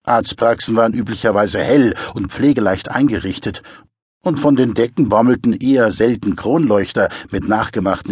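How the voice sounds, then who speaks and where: Husky male audiobook narrator, dry sound. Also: lowish voice, no echo. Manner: measured, dryly wry storytelling. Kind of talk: scripted first-person audiobook narration.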